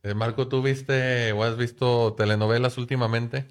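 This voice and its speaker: A man's voice: mid-range voice, fairly even intonation, moderate pace. A man hosting a casual podcast chat in a playful, chatty way. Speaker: podcast host.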